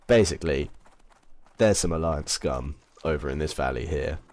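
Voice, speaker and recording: A man's voice: very deep voice, normal speed, darkish tone. A man with an English accent giving casual, rambling commentary while playing a video game, often correcting himself. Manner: rambling, self-correcting, chatty. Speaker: let's play commentator.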